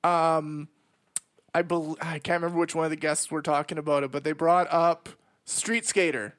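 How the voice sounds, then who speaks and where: Canadian man chatting casually, higher-pitched voice. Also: steady tone, moderate pace, a bit bright. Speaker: podcast co-host and audio engineer. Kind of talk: casual chat.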